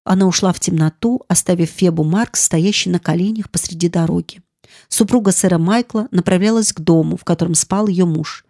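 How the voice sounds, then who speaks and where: A woman's voice: fairly low pitch, warm tone, no room sound. Woman narrating an audiobook, dry close sound. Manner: measured, dramatic storytelling. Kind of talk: scripted narration.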